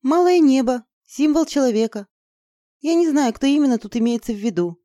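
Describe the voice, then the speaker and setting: A woman's voice: high voice, expressive, fairly quick, warm tone, dry recording, clean studio sound, voice pushed up. A woman voicing a panicky young sorceress. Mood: explaining. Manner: pleading, panicky. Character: anxious, fearful young female sorceress.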